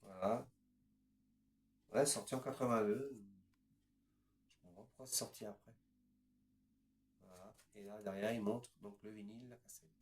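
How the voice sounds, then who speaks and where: Fairly low-pitched and fairly even in intonation, a man in his fifties talks at normal speed but pauses often while casually showing his records. His hesitant patter moves item by item, full of fillers like "voilà" and "ensuite," and the space sounds roomy and echoey.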